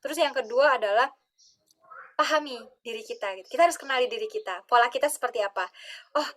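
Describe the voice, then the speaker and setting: A woman's voice: a little high, fast talker, fairly bright tone. A woman with a Sundanese-tinged Indonesian accent, a webinar guest in casual sharing talk, chatty, laughing often and acting out her own thoughts over a video call.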